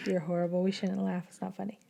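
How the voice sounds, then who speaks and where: A woman's voice: on the low side, level tone, fast talker, gravelly, mellow. A middle-aged woman co-hosting a podcast in casual chat, talking in a chatty, rambling way. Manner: chatty, rambling, with frequent restarts. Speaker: podcast co-host.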